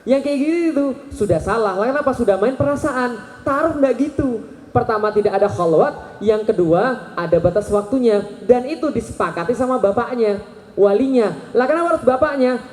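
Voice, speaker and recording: A man in his thirties giving a lively religious talk to a live audience, questioning the crowd and joking. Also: very high voice, a little fast. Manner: animated, asks the crowd questions and jokes. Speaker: Islamic preacher. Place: large hall with an audience. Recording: echoey hall recording.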